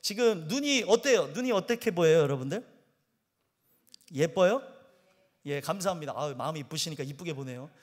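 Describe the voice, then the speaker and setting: High-voiced pastor preaching with humor. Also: male voice, lively intonation, brisk, pauses often, long reverb tail. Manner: humorous storytelling, acting out quoted voices. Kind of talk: sermon. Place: church sanctuary.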